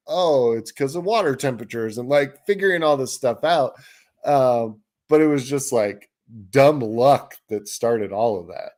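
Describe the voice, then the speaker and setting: Man telling an animated fishing story. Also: mid-range voice. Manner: animated storyteller, acts out quotes, laughs while telling. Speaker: podcast co-host. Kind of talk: casual storytelling chat.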